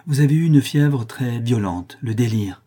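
A man reading a novel aloud and voicing a calm, attentive doctor who gives steady, hushed instructions. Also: medium pitch, moderate pace, slightly rough. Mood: reassuring. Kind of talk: audiobook character voice.

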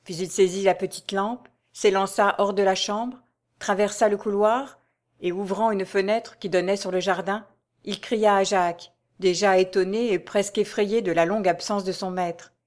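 A woman narrating a classic novel for an audiobook. Her reading is measured and expressive, with a literary, storytelling cadence. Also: medium pitch.

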